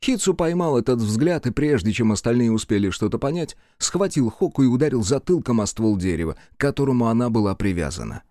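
Guy reading a fantasy audiobook, lively and dramatic, dry studio sound. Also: mid-range voice, brisk, few pauses, dry recording. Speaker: audiobook narrator. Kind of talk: scripted fiction narration.

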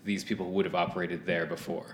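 Very deep-voiced inquisitive man player. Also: flat delivery, fast talker. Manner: inquisitive, asks many questions. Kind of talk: casual game talk. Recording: echoey room, faint noise.

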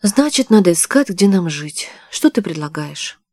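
A woman's voice: on the low side, big pitch swings, moderate pace, a little mellow, dry recording, studio quality. A woman playing an anxious young heroine, plaintive and pleading.

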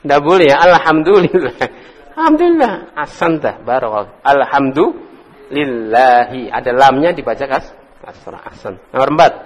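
A very animated man with a medium-pitched voice, speaking at normal speed, leads an Arabic lesson. He drills words casually, names students to answer and chuckles, all recorded in an echoey hall.

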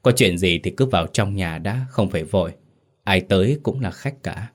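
A man voicing a calm, measured male sorcerer-healer who speaks gravely. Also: sits low. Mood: calm welcoming.

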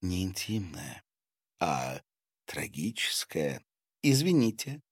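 A man voicing a reserved, quiet young woman doctor. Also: lowish voice, lively intonation, a little slow, dry recording, clean studio sound. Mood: grave.

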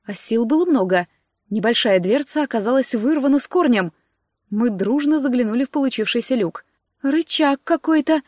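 A woman's voice: fairly high pitch, lively intonation, a little fast, darkish tone, no echo, studio quality. Woman reading a first-person fantasy audiobook. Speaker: audiobook narrator.

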